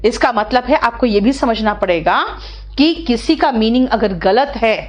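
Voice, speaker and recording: A woman's voice: fairly high pitch, moderate pace. A middle-aged woman, teaching vocabulary in an online class and coaxing her students step by step. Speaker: English teacher.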